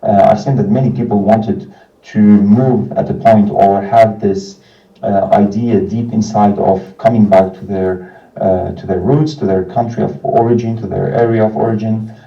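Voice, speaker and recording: A Frenchman in his thirties, founder and representative of a non-profit, gives an informal prepared talk by video message. His very dark, low voice stays steady, but he delivers haltingly with frequent pauses. The video playback sounds muffled, distant and echoey.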